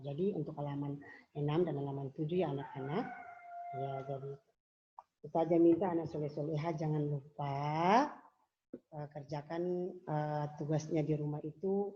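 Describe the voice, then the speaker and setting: A woman teaching young pupils in a recorded lesson, explaining patiently, repeating herself and pausing with fillers. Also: deep voice, steady tone. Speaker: religious school teacher. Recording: dull lo-fi home video audio.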